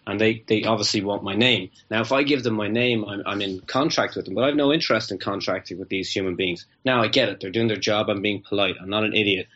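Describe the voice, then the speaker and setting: A man, a guest telling a story in a casual, animated way, acting out both sides of each exchange. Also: fairly low pitch, fast talker, hardly any pauses. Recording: muffled lo-fi audio.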